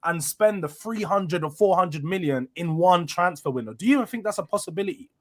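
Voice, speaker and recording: A man's voice: high-pitched, expressive, fairly quick. A man hosting a casual football discussion, probing and rephrasing his questions as he goes. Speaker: host.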